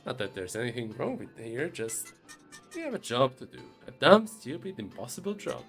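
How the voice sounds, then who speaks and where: A man's voice: mid-range voice, very animated, moderate pace, a bit bright, faint music behind. A man voicing a grumpy, sarcastic train conductor companion in a game, grumbling as he speaks.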